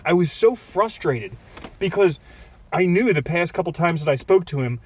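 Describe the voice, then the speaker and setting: A man co-hosting a podcast, telling animated stories and cracking jokes. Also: high voice, normal speed, slightly rough. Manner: storytelling, joking, animated. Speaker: podcast co-host. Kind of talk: casual chat.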